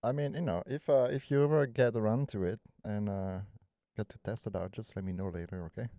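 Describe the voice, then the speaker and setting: A man's voice: fairly low pitch, steady tone, a little fast, dark tone, dry recording, studio quality. A man hosting a podcast in casual chat, playful and teasing. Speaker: podcast host.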